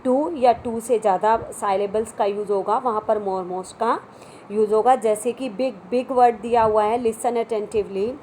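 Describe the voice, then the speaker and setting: A woman's voice: fairly high pitch, fairly even intonation, measured pace, mellow, a little hiss or hum, low-quality recording. A woman teaching an English grammar lesson in an Indian English accent, explaining step by step and checking in with her students.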